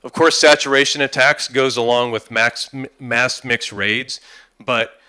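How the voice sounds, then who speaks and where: An American man in his fifties giving a formal conference presentation, halting, with frequent pauses and repeated words. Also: medium pitch, steady tone, pushed and bright, smooth. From United States. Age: 50s. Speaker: conference speaker, defense industry executive.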